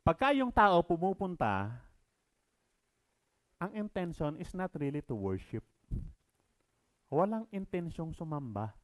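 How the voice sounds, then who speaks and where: A middle-aged Filipino-accented man delivering a radio sermon, his voice sitting a little high for a man. He drops into soft, conversational asides, then rises into loud, forceful reading. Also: sing-song, measured pace, long pauses. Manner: switches between Tagalog and English, swings from quiet asides to loud emphatic reading.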